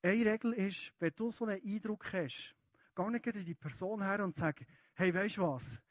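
A man's voice: high-pitched, normal speed, no room sound. A man preaching a sermon in a church with a Swiss German accent, speaking earnestly and directly to his listeners in a conversational way.

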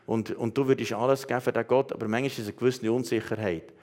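Man, Swiss German accent, pastor, earnest sermon, speaks directly to listeners, hesitant pauses. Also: mid-range voice, fairly even intonation, darkish tone. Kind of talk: sermon with prophetic words.

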